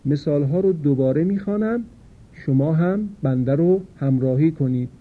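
Man teaching recitation, tinny sound. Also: a little high. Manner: patient, explanatory, stretches out example words. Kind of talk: tajweed lesson.

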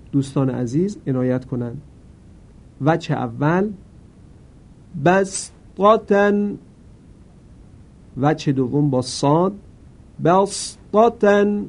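A man teaching Quran reading in a careful, slow way, now and then chanting a word slowly. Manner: chants the words slowly, louder and higher. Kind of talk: lesson.

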